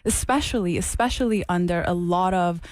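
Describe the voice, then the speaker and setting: A woman's voice: on the low side, fairly quick, no echo, studio quality. Earnest woman. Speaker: interview guest, mental health clinician and activist. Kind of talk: radio interview, advocacy. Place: radio studio.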